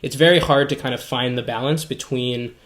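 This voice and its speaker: A man acts as interviewer in a casual conversation. His voice sits at an average male pitch. He builds longer questions in measured pieces, pausing as he goes. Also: steady tone, a bit bright. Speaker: interviewer, podcast host; English teacher.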